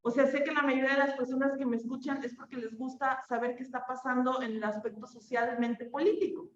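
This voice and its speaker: Mexican lady teaching online, high voice, echoey room, bit muffled, keeps asking "right?". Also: steady tone, a little fast, a little hiss or hum. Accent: Mexican Spanish. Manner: chatty, checks in with frequent questions. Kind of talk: online class lecture.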